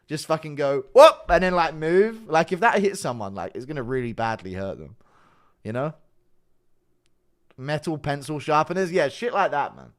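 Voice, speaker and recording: A man's voice: a little high, sing-song, moderate pace, long pauses. A man hosting a casual livestream, chatting to viewers with sweary, blunt banter and often breaking into giggling laughter. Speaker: livestream host.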